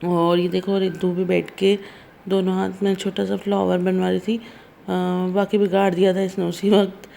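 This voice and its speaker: A woman's voice: mid-range voice, little pitch movement, moderate pace, gravelly, dark tone, slight background noise, rough recording. A woman, vlogging in a casual chatty way and talking straight to her viewers, with a slight cough. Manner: chatty, addresses viewers directly. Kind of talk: casual vlog narration.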